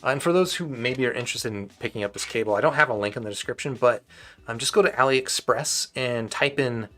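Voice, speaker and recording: On his live stream, a man talks through viewers' audio equipment questions in a rambling, informal way with lots of restarts. His mid-range, slightly bright voice moves fairly quickly and wears down into a dry, tired sound.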